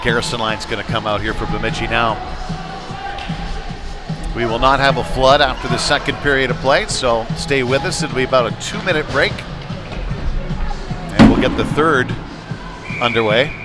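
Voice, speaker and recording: Over a noisy crowd, this announcer speaks in a mid-range voice at a moderate pace, his intonation fairly even and broken by long pauses. He's doing live hockey play-by-play rinkside, adding chatty remarks between calls while music plays through the arena speakers.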